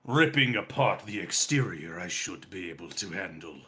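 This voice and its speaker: A man voicing an ancient undead male brass dragon that speaks in a measured, formal way. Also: low-pitched, expressive, sharp tone, husky, pitched below the performer's own voice, heavily acted. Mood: calm.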